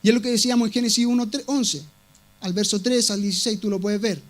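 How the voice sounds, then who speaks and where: A man preaching a sermon in a strikingly high voice. He is emphatic and insistent, circling back to the same words to drive each point home. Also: steady tone, fast. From Latin America. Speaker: pastor.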